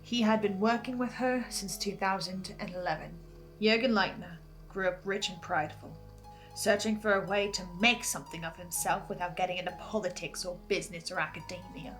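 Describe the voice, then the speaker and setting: With soft background music, the fan theory series host reads her scripted analysis earnestly and theatrically, choosing words with precision. This time her pitch is medium, her intonation fairly even, her pace brisk and her tone fairly bright.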